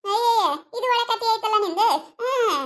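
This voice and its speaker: A sly village woman with a North Karnataka accent swears she stole nothing, as a woman puts her on. Her voice is very high and teasing, full of feigned innocence. It is a cartoon comedy voice. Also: moderate pace. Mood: protesting. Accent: North Karnataka Kannada. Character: sly village woman neighbour denying the theft.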